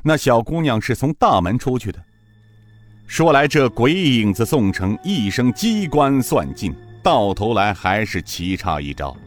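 A man's voice: mid-range voice, very animated, measured pace, soft background music. A man narrating a serialized martial-arts story in a dramatic, rhythmic style.

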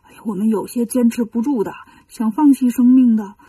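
Frightened male monks from a storybook read aloud plead and fret, played by a woman. Their voice is mellow and breathy. It is a touch high-pitched and sits a bit back from the microphone. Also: fairly quick, no room sound, distant mic. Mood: worried pleading. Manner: pleading, worried.

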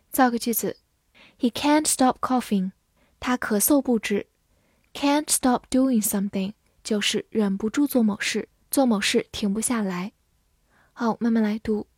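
A woman whose first language is Chinese, teaching English words in a scripted lesson, spelling each word and repeating it slowly. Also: fairly high pitch, darkish tone, no echo, studio quality.

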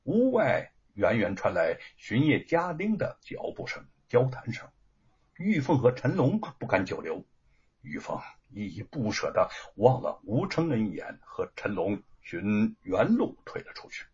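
A man's voice: on the low side, sing-song, unhurried, a little mellow, husky. A man narrating a serialized novel with dramatic, swooping delivery. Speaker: storyteller. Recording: dull lo-fi recording.

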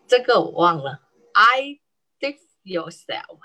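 A woman student on an online call, slowly reading vocabulary words aloud one by one. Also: lowish voice, very animated, pushed and bright, low-quality recording. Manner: slow, careful reading of words. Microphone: joining an online call.

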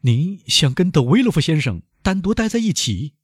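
A desperate young man begs and presses with question after question in a raised, strained voice, as a male audiobook reader puts him on. The delivery is husky and completely dry, with no room around it. The pitch leaps high above the reader's usual low register. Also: sing-song, moderate pace, no room sound. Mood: pleading. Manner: urgent, high and loud pleading. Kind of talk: audiobook character voice.

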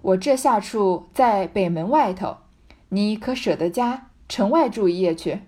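A woman voicing a proud young man who calmly masks his anger while setting a trap. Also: mid-range voice, measured pace. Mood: coolly scheming.

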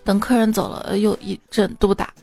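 A woman's voice: mid-range voice, little pitch movement, moderate pace, warm tone, soft background music. A woman hosting a podcast, reading out funny anecdotes and laughing at her own jokes. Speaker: podcast host.

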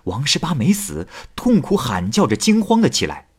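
A male storyteller narrating a classic tale with dramatic, expressive delivery. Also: moderate pace, husky. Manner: highly expressive, dramatic rise and fall.

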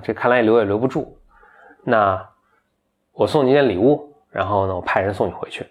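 A man casually retelling a folk tale to a friend, lightly voicing the characters and laughing along. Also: lowish voice. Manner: chatty, voices the characters lightly, laughs at the story. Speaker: storyteller.

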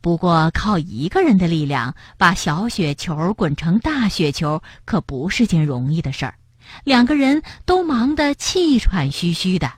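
A woman reading a children's storybook aloud in an expressive way, speaking to young listeners. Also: on the low side, a little slow, husky, no room sound.

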